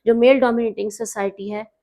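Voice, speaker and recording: A middle-aged woman being interviewed on a podcast, with a slightly high voice. She talks in a measured, reflective way and turns teacherly, leaning on single words and repeating them until they are pronounced right. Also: fairly even intonation, dark tone. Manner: teacherly, stresses and repeats words to correct pronunciation. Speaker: guest, newspaper editor and poet.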